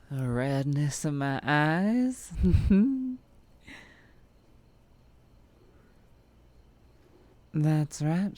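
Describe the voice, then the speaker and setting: Playful and boastful, she again plays the Southern US vampire truck driver in an ASMR roleplay, her voice very low for a woman with a darkish tone. The heavily acted, slow, teasing drawl toys with the listener like prey, full of chuckles and lingering pauses between phrases.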